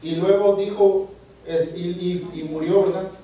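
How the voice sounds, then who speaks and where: A man preaching a sermon, halting and repeating words as he asks the congregation for agreement. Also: sits high, fairly even intonation, dark tone. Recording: echoey room, voice from far off the mic.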